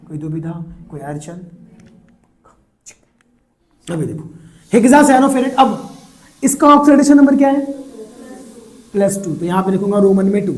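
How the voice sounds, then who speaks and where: A man, teaching chemistry in a lively, repetitive way and teasing his students. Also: high voice. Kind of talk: classroom lecture.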